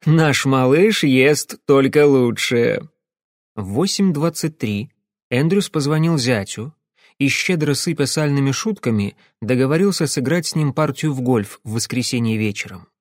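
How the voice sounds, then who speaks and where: A man's voice: medium pitch, animated, normal speed, dry recording. A man narrating an audiobook in the first person, in a dry, understated way.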